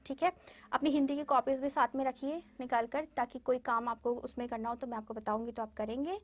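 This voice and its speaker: A woman's voice: a little high, fairly even intonation, a little fast. A woman teacher giving a lesson to young pupils, patiently repeating words for them to say along and often checking in with them. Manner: frequent "ठीक है" check-ins and fillers. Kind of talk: classroom lesson addressed to children.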